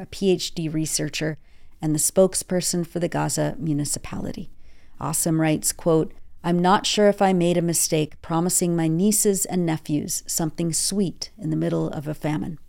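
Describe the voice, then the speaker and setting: A woman hosting a newscast, reading quoted accounts in a measured, earnest way. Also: deep voice, vocal fry, a little mellow. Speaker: news host. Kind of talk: scripted news narration.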